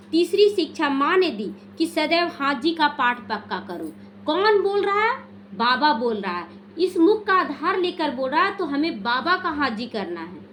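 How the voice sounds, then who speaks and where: A woman giving a devotional teaching talk, explaining point by point with an earnest, gently exhorting manner and quizzing her listeners. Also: high-pitched, a little hiss or hum. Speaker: spiritual teacher.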